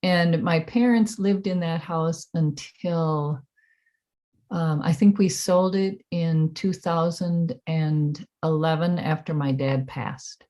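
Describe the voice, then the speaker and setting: An American woman in her seventies reminiscing in an oral history interview, halting and reflective as she recalls. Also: low voice, steady tone, mellow. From Minnesota, United States. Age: 70s.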